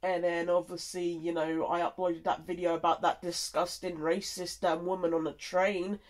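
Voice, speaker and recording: A content creator gives a loose, rambling update, stopping and starting as he goes. He sounds worn out and stuffy-nosed from a cold, with a mid-range voice and a flat delivery.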